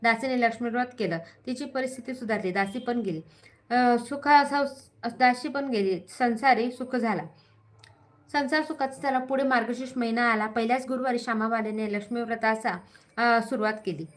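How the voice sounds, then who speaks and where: Lady reading out a religious vow story, fairly high voice, trips on a word here and there. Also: moderate pace. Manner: steady reading with small slips and self-corrections.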